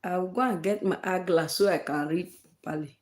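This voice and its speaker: This live-stream host is a woman from Nigeria whose lowish, slightly mellow voice carries a Nigerian accent at normal speed, with a roomy sound. She chats casually, emphatic and repetitive, restating things for emphasis and using fillers like "eh" and "oh."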